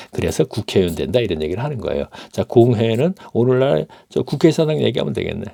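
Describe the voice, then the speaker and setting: A man's voice: mid-range voice, creaky, dark tone, no room sound, studio quality. A middle-aged man reading scripture aloud and explaining it in plain, conversational asides, as a Bible teacher.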